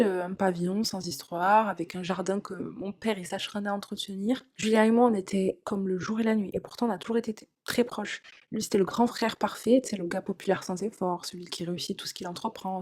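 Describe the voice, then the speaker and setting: This is a young woman recounting something that happened to her, in a relaxed, confessional tone. She talks casually, dropping in filler sounds and little asides to whoever is listening. Her voice sits at an ordinary middle pitch. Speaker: storyteller. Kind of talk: first-person confessional storytelling.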